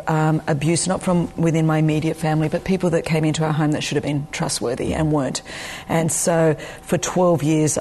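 A ministry leader in her forties, Greek her first language and Australian in accent, speaks with a deep, darkish voice. As an interview guest she earnestly recounts her life in a personal way, with frequent ums.

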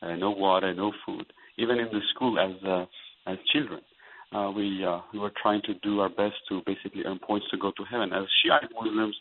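A man's voice: fairly low pitch, steady tone, a little hiss or hum. Man from Iran on a tinny phone line. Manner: earnest, halting with many fillers. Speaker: pastor and interview guest. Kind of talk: phone interview.

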